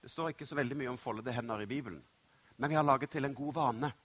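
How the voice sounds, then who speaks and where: A middle-aged male pastor preaching a sermon, telling stories dramatically and moving between hushed and loud passages. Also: medium pitch, slightly rough.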